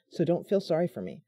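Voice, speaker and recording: A tired woman streams live from her home computer, chatting casually and giggling at her own slip-ups in a self-deprecating way. Her voice is deep, mellow and husky, recorded at studio quality with no room sound.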